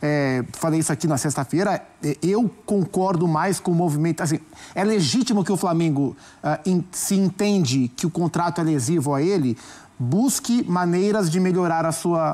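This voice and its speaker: A man with a Brazilian accent giving his view as a commentator in a studio sports debate, measured and often restarting phrases as he thinks. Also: high voice, darkish tone. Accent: Brazilian Portuguese.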